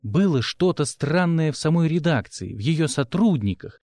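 A man narrating an audiobook with expressive first-person storytelling. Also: on the high side, moderate pace, no echo.

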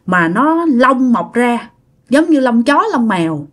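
A woman's voice: fairly high pitch, very animated, slow pace, heavily acted. A woman voicing a worried village father who hesitantly confides his suspicion to his wife. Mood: uneasy.

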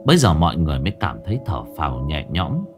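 A man narrating a ghost story in a dramatic, vividly expressive style. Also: rumbling low, fast talker, soft background music.

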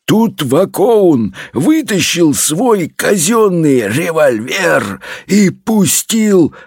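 A male reader telling a fairy tale with a lively storyteller's lilt. His voice is on the higher side and sounds husky. The recording is dry and close. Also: extremely slow, no echo. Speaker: audiobook reader. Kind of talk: expressive fairy-tale reading.

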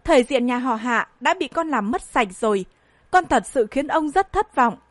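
A woman's voice: high voice, expressive, moderate pace, no room sound. A woman reading an audiobook voices a stern, disappointed old grandfather who scolds and sighs. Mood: angry. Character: stern old grandfather, head of a rich family.

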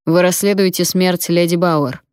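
A sneering, short-tempered male gang boss who barks orders and mocks his captive, read by a woman narrator. The voice sits fairly low and sounds close and dry, with no room around it. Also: fairly even intonation, normal speed, a little mellow, clear, resonant tone, dry recording, close to an everyday voice. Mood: scornful. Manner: barking, mocking. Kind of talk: audiobook character reading.

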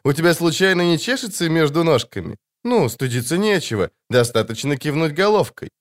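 A man's voice: fairly high pitch, huge pitch swings, fairly quick, pitched above the performer's own voice. A man putting on a leering, mocking young bandit. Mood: sneering. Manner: sneering, taunting.

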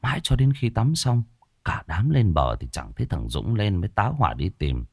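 Low-voiced man telling a village horror tale. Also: sing-song, husky, no echo, clean studio sound. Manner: slow, dramatic, folksy storytelling. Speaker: storyteller. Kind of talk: spoken horror story narration.

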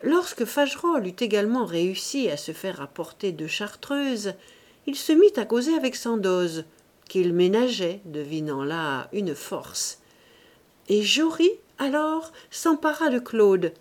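A woman reading a classic novel aloud as an audiobook narrator, with a measured, expressive delivery. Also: mid-range voice. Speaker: audiobook reader.

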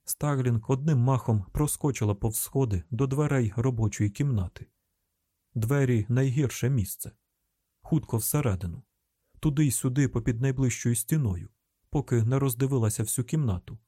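A man with a Ukrainian accent narrating an audiobook in a tense, measured storytelling manner. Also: medium pitch, mellow, dry recording, clean studio sound. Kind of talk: scripted narration.

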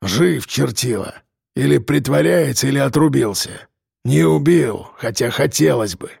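A gravelly, husky bearded biker, as a male narrator puts him on, growling and cursing. He talks slowly with a rough edge in a dry, close audiobook recording. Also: medium pitch, expressive, a little mellow, no room sound, heavily acted. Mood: gruff. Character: angry foul-mouthed bearded biker man. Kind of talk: audiobook character voice.

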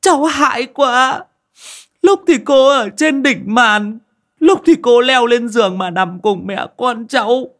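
Brief: terrified young mother played by a male narrator, high, loud, tearful pleading. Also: slow, exaggerated voice. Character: frightened young village mother, sobbing pleas.

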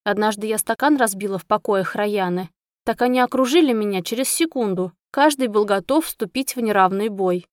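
A woman's voice: medium pitch, brisk, no room sound, clean studio sound, lightly acted. A woman voicing a brash, sardonic young friend who teases and pushes in an audiobook. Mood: chatty. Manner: wry, teasing, pushy.

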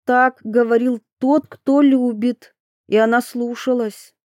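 Slow, mellow woman narrating an audiobook. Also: fairly high pitch, steady tone, no echo. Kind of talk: scripted literary narration.

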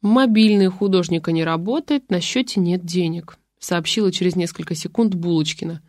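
Woman narrator, first-person audiobook, mid-pitched and steady, dry close mic. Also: brisk, no room sound.

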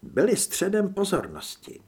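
A man narrating an audiobook in an expressive, dramatic reading style. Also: sits high, breathy edge. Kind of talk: scripted narration.

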